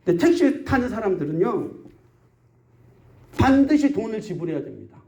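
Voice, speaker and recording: A man's voice: high voice, big pitch swings, moderate pace, gravelly, darkish tone, highs cut off. A man preaching a sermon as pastor of a rural church, often asking the congregation questions. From South Korea.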